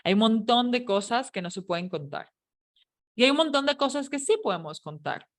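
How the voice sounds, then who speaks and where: A woman's voice: on the high side, lively intonation, moderate pace. A woman teaching an English grammar lesson, explaining in a chatty, playful way with jokes and questions to her students. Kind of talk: online English lesson taught in Spanish.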